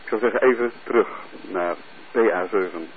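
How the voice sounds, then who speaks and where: A man chatting on air as an amateur radio operator, heard over a two-way radio link, relaxed and hesitant with many filler pauses. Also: fairly low pitch. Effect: heard over a two-way radio transmission. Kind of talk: casual on-air radio chat with call signs. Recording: tinny radio-band sound with faint hiss.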